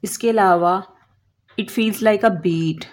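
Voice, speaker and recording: A woman explaining a lesson as an English teacher, slowly drawing out example words and answering her own questions. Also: mid-range voice, a little mellow. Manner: asks questions and answers them herself.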